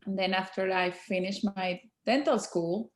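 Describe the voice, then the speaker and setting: A native Spanish speaker from Mexico, a woman in her forties with a Mexican Spanish accent, is interviewed as a guest dentist. Her mid-range voice is soft and halting, full of fillers, and the room is echoey.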